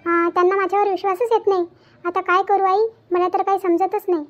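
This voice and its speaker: A woman voicing a troubled young married daughter in a cartoon. She talks in a hesitant, pleading way with halting restarts. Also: very high-pitched, fairly even intonation. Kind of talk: Marathi cartoon voice acting. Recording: dull lo-fi with faint background music.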